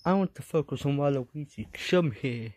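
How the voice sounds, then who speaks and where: A fan movie creator voicing every character in an amateur fan film, switching voices and jumping up into squeaky highs. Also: lively intonation, moderate pace, a little mellow, a little hiss or hum.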